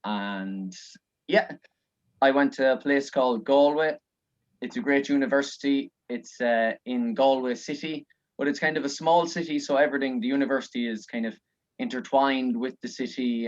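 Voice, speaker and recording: Irish man, 30s, outgoing chatty guest, muffled lo-fi video call. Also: mid-range voice. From Ireland. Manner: outgoing, chatty, frequent uhs. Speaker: guest speaker. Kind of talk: casual video-call chat. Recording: dull lo-fi call audio.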